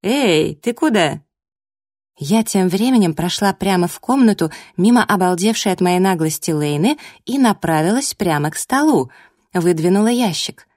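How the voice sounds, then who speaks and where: Woman, audiobook narrator, first-person story, low voice, dry close recording. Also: moderate pace, no echo. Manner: lively, expressive storytelling.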